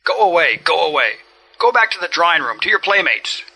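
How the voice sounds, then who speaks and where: A man voicing a pompous, greedy, stout middle-aged official in a storybook reading, wheedling in whispers or bellowing in rage, with a husky, bright voice. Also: on the high side, big pitch swings, fairly quick, pitched above the performer's own voice, exaggerated voice, low-quality recording. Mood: furious.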